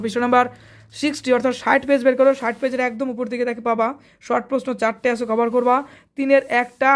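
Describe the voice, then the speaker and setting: Brisk tutor man, fast. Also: extremely high pitch. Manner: brisk, instructive, coaxing students directly. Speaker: online tutor. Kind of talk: exam revision lesson.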